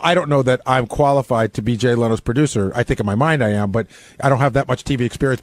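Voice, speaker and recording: A radio producer chats off the cuff in a casual, unscripted discussion, frequently rephrasing himself mid-sentence. His mid-range voice is captured on a close studio microphone in a radio studio with no room sound.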